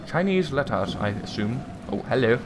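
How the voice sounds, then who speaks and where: A man hosting a let's play, giving excitable gameplay commentary with swearing and loud reactions to scares. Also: mid-range voice, moderate pace, noisy background.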